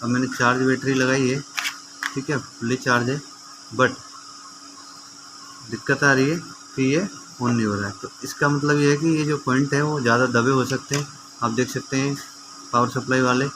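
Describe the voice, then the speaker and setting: With background noise behind him, a man hosts a casual repair how-to, explaining things step by step and chatting with viewers like friends. His mid-range voice keeps a fairly even intonation at a moderate pace, and he pauses often.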